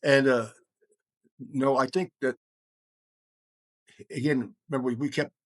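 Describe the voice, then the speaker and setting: Steady in tone and a little slow, a middle-aged U.S. man with a mid-range voice talks casually. He rambles emphatically and keeps repeating phrases to stress them.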